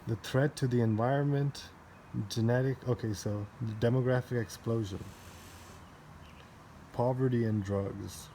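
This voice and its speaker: A man reading a book aloud slowly, pausing often, rereading lines and adding his own offhand commentary. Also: mid-range voice, fairly even intonation, mellow. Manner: slow, halting reading, rereads lines, laughs to himself. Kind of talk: casual read-aloud with commentary. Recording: faint background noise.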